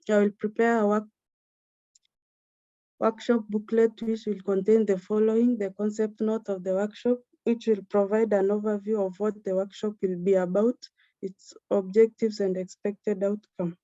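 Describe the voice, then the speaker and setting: A woman presenting a prepared plan in a steady, formal, list-like reading. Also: medium pitch, dry recording, highs cut off.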